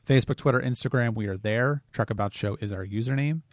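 A man's voice: medium pitch, fast talker, dry recording, clean studio sound. A man co-hosting a casual podcast, chatting plainly and reading out listener reviews. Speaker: podcast co-host.

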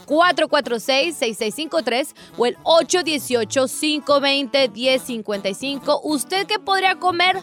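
A woman's voice: high voice, animated, a little slow, hardly any pauses, a bit bright, soft background music. A woman co-hosting a radio show, teasing the host and laughing along with him.

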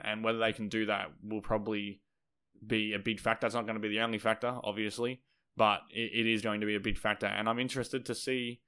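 A man hosting a sports podcast, giving solo basketball analysis in a conversational, thinking-aloud way with a slightly croaky voice. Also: on the low side, sharp tone.

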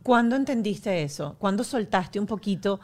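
Woman host, mid-pitched, affirming, asks long thoughtful questions. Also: expressive, moderate pace. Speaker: podcast host. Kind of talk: warm interview chat. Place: home pantry.

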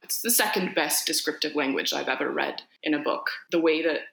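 In a noticeably echoey, roomy space, a woman from Finland, a native Finnish speaker and actor, chats loosely as an interview guest, restarting thoughts and using lots of fillers. Her voice is bright and forceful yet low-pitched with vocal fry, and she talks a little fast.

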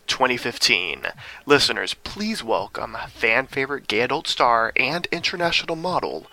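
A man's voice: medium pitch, sharp tone. A man hosting a radio interview show in an upbeat, enthusiastic way. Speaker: host.

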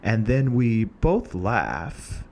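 A young man with a lowish voice tells a personal story in an earnest, reflective way. He takes his time and pauses often as he thinks. A faint hiss of background noise sits under the recording. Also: a little mellow. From Portland, USA. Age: young adult. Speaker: singer telling his story.

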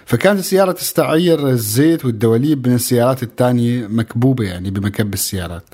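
A man with a Syrian Arabic accent and an average-pitched voice talks very quickly. He tells stories as a casual co-host, chatty and often stumbling back over his words. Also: darkish tone. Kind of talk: casual conversational storytelling.

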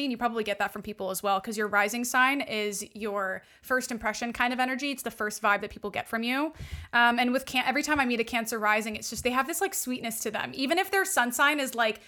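Fast, bright-voiced woman coach. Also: on the high side. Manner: fast and gushing, full of "like" fillers. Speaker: alignment coach, guest. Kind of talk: casual podcast chat explaining astrology.

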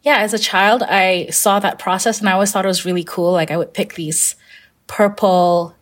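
A young Malaysian woman, a fashion designer, answers interview questions in a mid-range voice with fairly even intonation at normal speed. She comes across as thoughtful and hesitant, with many fillers and restarts.

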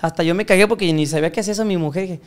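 A man's voice: high voice, very fast. A young Mexican man with a Mexican accent, telling a crude, slang-filled story in casual chat. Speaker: podcast guest telling his story.

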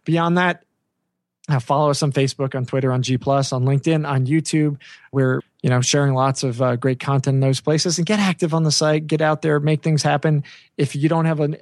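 Male podcast host, medium pitch, casual delivery, dry close recording. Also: a little mellow, no room sound.

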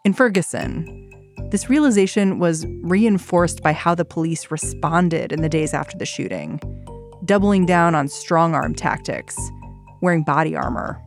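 A woman hosting a narrative podcast, telling the story in a measured way and asking probing questions. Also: low voice, lively intonation, creaky. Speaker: podcast host. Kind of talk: scripted narration and interview. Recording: dry studio sound with music.

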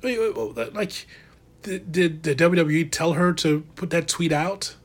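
A man's voice: fairly high pitch, fairly even intonation, unhurried, breathy edge. A man giving a sarcastic, exasperated wrestling commentary monologue, talking casually and animatedly.

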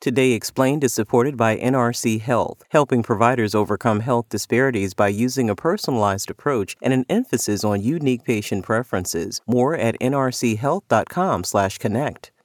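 A male announcer reads a scripted sponsor message in a medium pitch. The sound is dry, with no room on it. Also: normal speed, few pauses, no room sound.

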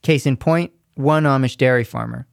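A man narrates a scripted radio feature report, measured and descriptive. His mid-range voice is smooth yet creaky.

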